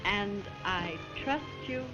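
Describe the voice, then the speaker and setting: An actress playing a gentle, careful middle-aged mother, speaking politely and cautiously, in early talkie film sound. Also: medium pitch, lively intonation, takes it slowly. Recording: dull 1920s film soundtrack with music.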